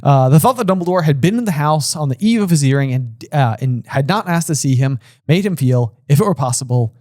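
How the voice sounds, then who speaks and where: Chatty higher-voiced man co-hosting a podcast. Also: animated, a little fast, mellow, dry recording, clean studio sound. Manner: rambling, heavy use of "like", restarts. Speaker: podcast co-host. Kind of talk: casual book-discussion chat.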